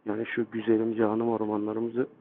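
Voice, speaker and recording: A man's voice: fairly low pitch, completely flat delivery, moderate pace, phone-quality sound, a little hiss or hum. A man narrating a casual outdoor motovlog as a guide, speaking from inside a motorcycle helmet. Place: outdoors on forest roads.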